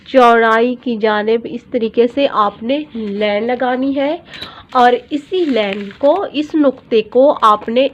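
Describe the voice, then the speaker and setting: Slow-paced and on the high side, this woman's voice has its highs cut off as she patiently teaches pattern drafting. The dress designer goes through the sewing step by step, restating each measurement and frequently asking viewers "theek hai".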